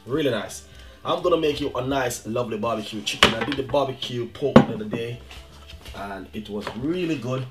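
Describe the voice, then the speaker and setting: A chatty middle-aged Jamaican man hosts his own cooking show, talking viewers through a recipe step by step. He keeps tossing in friendly asides to his audience. Background music plays clearly under his voice. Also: mid-range voice, brisk. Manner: chatty, repeats "guys" and "you know what I mean". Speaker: cooking channel host. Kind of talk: casual cooking demonstration.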